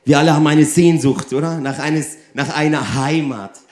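Guy preaching a sermon, fairly high voice, lots of questions thrown at the crowd, echoey room. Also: moderate pace. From Germany. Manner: animated, addresses the audience directly with rhetorical questions.

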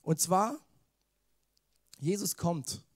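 A man's voice: sits high, very slow. Casual, chatty man preaching a sermon. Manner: casual, chatty, asks the listeners questions; mixes in English slang. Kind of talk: informal youth sermon.

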